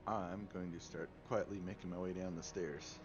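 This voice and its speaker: Chill young guy playing dnd, lowish voice, kinda lo-fi audio w faint music. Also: steady tone, moderate pace. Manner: laid-back, self-correcting. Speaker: player. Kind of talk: casual tabletop game play. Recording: dull lo-fi recording, faint music.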